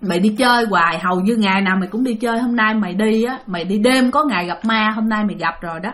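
Stern old grandma, low scolding tone; a woman putting it on. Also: quick pace, a bit bright, lightly acted.

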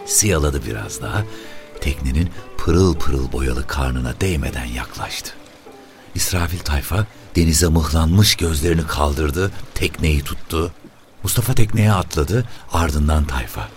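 Very deep-voiced male narrator. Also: lively intonation, a little slow, faint music behind. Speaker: audiobook narrator. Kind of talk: scripted narration.

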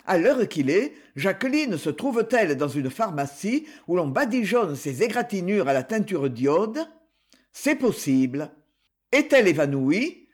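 Man voicing injured bedridden husband, dry clipped delivery, cold reasoning, animated pitch. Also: heavily acted.

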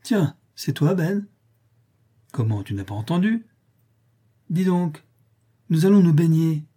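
A man's voice: fairly high pitch, big pitch swings, takes it slowly, dark tone, breathy edge, pitched above the performer's own voice, full character voice. A man voicing a cunning boy who talks in a coaxing, mock-casual way in an audiobook reading. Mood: sly. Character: cunning boy, sly and nonchalant.

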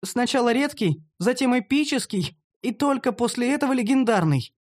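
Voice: mid-range voice, expressive, moderate pace, darkish tone, pitched above the performer's own voice, natural voice. A narrator voicing a timid, earnest young female gnome who explains things carefully. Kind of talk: audiobook character voice.

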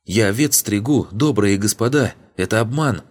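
Мужчина-чтец озвучивает слепого взрослого мужчину, который притворно, со слезами и всхлипами, умоляет о пощаде. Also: male voice, on the low side, lively intonation, normal speed, pitched above the performer's own voice. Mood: pleading, sobbing. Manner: whimpering, pleading. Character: blind adult man faking tearful, cowardly begging. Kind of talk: audiobook character voice.

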